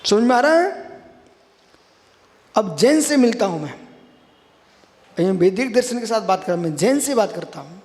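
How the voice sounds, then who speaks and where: A man's voice: sits high, big pitch swings, measured pace, pauses often, a little mellow. A man giving a religious sermon, repeating key phrases for emphasis and calling on his listeners as friends. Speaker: Jain monk preacher. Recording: long hall reverb.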